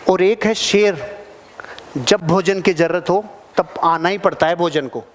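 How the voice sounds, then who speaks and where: A man giving a live motivational seminar talk to an audience in a large hall. He is animated, swings between loud bursts and low asides, and keeps asking the crowd questions. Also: unhurried, slight background noise. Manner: addresses the audience directly with questions. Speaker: motivational speaker. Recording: long reverb of a big hall.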